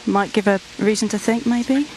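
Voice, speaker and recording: A woman's voice: medium pitch, normal speed, a little mellow, slight background noise. A woman giving live golf commentary from the course.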